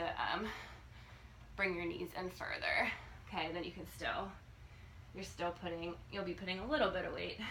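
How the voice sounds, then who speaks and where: Bright-voiced woman coaching exercise, noisy recording. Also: fairly low pitch. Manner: halting, instructional, checks in with "okay". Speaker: fitness coach demonstrating exercises. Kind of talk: casual exercise demonstration. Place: living room, indoors. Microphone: phone or camera a few feet away. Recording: noisy home video, phone mic.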